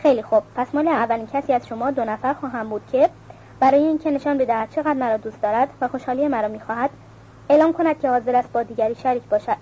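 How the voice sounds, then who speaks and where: Teasing noblewoman, sweet and coy, higher voice from a woman reading, muffled take. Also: mellow, close to an everyday voice. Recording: muffled with faint hiss.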